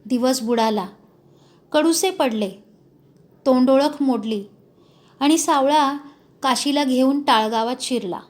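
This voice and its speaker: Woman storyteller, high voice, slow dramatic read-aloud. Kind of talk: storybook narration of a school text.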